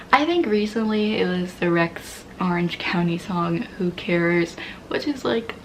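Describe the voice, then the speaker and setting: A woman's voice: on the low side, animated, slow, slight background noise, low-quality recording. A woman in her twenties candidly venting, rambling and swearing casually, often dropping into half-whispers. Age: 20s. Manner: swears casually, laughs at herself. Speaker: vlogger. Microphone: poor-quality mic.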